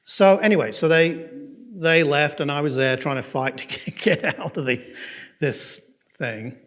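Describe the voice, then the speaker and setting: A man with an English accent teaching a Bible course. He tells a personal story in a conversational way, checks in with his listeners and speeds up and slows down as he goes. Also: on the high side, a bit bright. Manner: frequent fillers and restarts, pace swinging quick and slow. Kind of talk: lecture with personal testimony.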